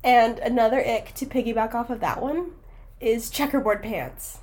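A woman co-hosting a podcast while sick, her voice hoarse, talking in a casual chat with a dramatic, giggly way of telling stories. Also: a little high, normal speed, a little mellow. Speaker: podcast co-host.

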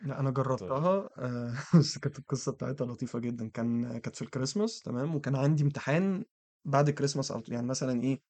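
A man's voice: medium pitch, rapid-fire, darkish tone. A young man with an Egyptian Arabic accent telling stories casually to friends, mixing English words into colloquial speech. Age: young adult. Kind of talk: casual storytelling among friends.

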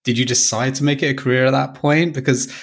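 A man's voice: medium pitch, steady tone, fast. A man co-hosting a podcast, chatting and asking questions in a friendly, informal manner. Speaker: podcast co-host. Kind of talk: casual chat and interviewing.

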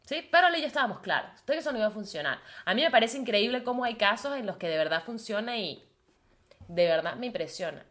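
A young woman with a Venezuelan Spanish accent talks straight into her podcast, blunt and profane, leaning on constant "o sea" fillers. Her voice sits a touch high and rings bright and sharp. It is casual, confessional monologue delivery. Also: expressive, quick pace. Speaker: podcast host.

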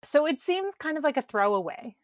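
A woman's voice: high voice, big pitch swings, a little fast, no room sound, studio quality. A woman co-hosting a podcast, recapping a TV episode in casual, wry chat. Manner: wry, quotes characters in mocking voices. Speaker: podcast co-host.

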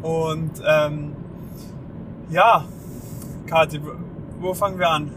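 Young man, low-bitrate podcast in noisy car. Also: steady tone, takes it slowly. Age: 20s. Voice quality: low-bitrate, degraded audio. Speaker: podcast co-host, master's student. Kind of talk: casual podcast chat. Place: inside a car on the motorway. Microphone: off-mic, faulty setup. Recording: noisy moving car, distant faulty microphone. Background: road and engine noise.

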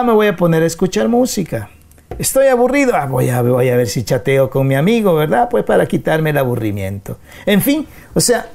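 Man presenting over a video call, mellow tone, explains and asks rhetorical questions. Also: mid-range voice. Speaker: workshop presenter.

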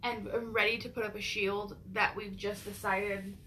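A woman's voice: medium pitch, flat delivery, moderate pace, bright, forceful tone, slight background noise. A woman in casual chat who swears freely and often stammers and restarts her sentences. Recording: roomy echo.

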